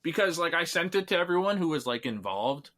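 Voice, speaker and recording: Bright-toned easygoing filmmaker man from Canada. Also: on the high side, fairly quick. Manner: relaxed, easygoing, trailing off. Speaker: filmmaker guest. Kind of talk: casual interview chat.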